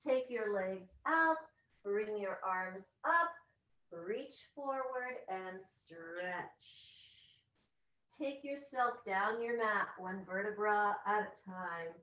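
A woman's voice: medium pitch, slow, sharp tone. A woman leading an exercise class in short, directive coaching cues and counts while working out on the mat herself. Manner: physically exerting while talking, lying on mat. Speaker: fitness instructor. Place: large wood-panelled living room. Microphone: far camera on a video call. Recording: echoey living room, distant video-call mic.

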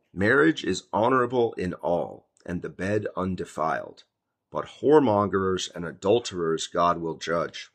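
A man with a low, gravelly voice preaches a sermon. His tone is husky and a little rough. He reads each verse slowly and then unpacks it in plain, emphatic speech. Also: fairly bright tone. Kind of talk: sermon with Bible reading.

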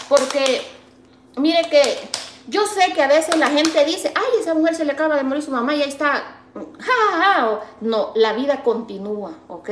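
A woman with a Salvadoran accent chatting casually on her vlog, reading viewer comments and consoling them with fond pet names while she makes tortillas. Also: on the high side. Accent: Salvadoran Spanish. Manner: affectionate, calls viewers sweet pet names; consoling, folksy and talkative. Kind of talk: casual live-stream chat. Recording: echoey room with faint background noise.

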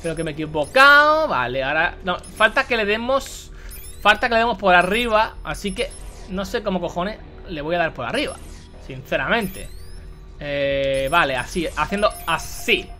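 Young youtuber gamer, bright voice, excitable, swears a ton, repeats lines over and over. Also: male voice, high-pitched, moderate pace, faint music behind. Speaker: gaming youtuber. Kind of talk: let's play commentary.

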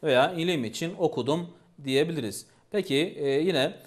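Male teacher, patient and repetitive, voice a touch high. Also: normal speed. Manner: patient, repeats each phrase and asks questions. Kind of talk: language lesson.

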